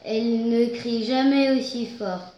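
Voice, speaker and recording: A woman voicing three young children teasing their mother and refusing to open the door, in a slow, sing-song way. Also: fairly high pitch, mellow, a little hiss or hum. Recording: dull, roomy recording.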